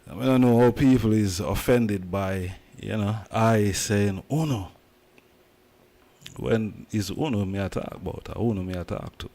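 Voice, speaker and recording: Jamaican male host, deep register, emphatic patois talk. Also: normal speed, dark tone. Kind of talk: casual commentary.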